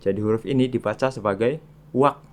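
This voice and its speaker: A man's voice: medium pitch, fairly quick, a little mellow. A man teaching a beginner language lesson, explaining sounds patiently and repeating each one in drills. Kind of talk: slow, patient lesson narration.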